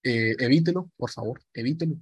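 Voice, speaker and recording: A man's voice: medium pitch, a little fast, husky, no echo. A man gives an informal lesson on radio presenting, chatty, repeating himself and acting out example voices.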